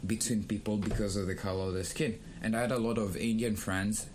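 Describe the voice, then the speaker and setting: A young man who grew up in Kenya, co-hosting a casual discussion and speaking in a thoughtful, measured way with pauses. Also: fairly low pitch, steady tone, darkish tone, a little hiss or hum. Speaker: podcast co-host.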